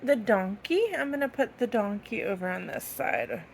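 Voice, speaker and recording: A woman's voice: medium pitch, big pitch swings, moderate pace, vocal fry, slight background noise. A woman presenting to small children in simple words, as if reading to a toddler, with sing-song questions and playful delivery. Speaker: presenter of a children's educational video. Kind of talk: simple talk to toddlers about toys.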